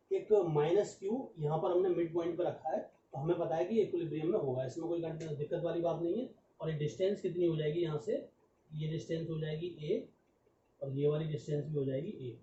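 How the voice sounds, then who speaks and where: A man's voice: fairly high pitch, mellow. Echoey distant physics teacher, man. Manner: step-by-step explaining, asking rhetorical questions to students; mixes English phrases into Hindi. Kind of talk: exam-prep lecture. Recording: echoey, distant, muffled lo-fi audio with faint background noise.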